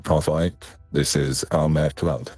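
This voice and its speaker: A man playing a stern marine major in a roleplay game, speaking in formal military radio style through a voice changer that lowers the voice and sometimes clips. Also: steady tone, a little slow, a little mellow, faint music behind. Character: stern male marine major commanding a battered base. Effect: voice changer that lowers the voice, sometimes clipping. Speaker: player in a space roleplay game.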